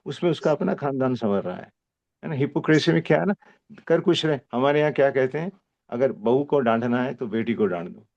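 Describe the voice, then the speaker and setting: An older man with a mid-range voice talks like a seasoned mentor, unhurried and kindly. He keeps checking that his listener follows him. The sound is muffled, like a video call. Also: mid-range voice, expressive, vocal fry, darkish tone. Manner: fatherly, calls the presenter "beta", explains slowly with rhetorical checks. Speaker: senior homeopathy teacher giving feedback. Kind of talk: mixed Hindi-English teaching talk.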